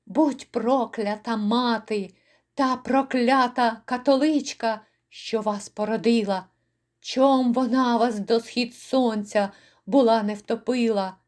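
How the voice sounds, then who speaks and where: A woman's voice: on the high side, steady tone, takes it slowly. A woman voicing a grief-mad Cossack father. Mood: grieving. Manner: anguished shouting and lament, drawn out. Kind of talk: dramatic poetry recital.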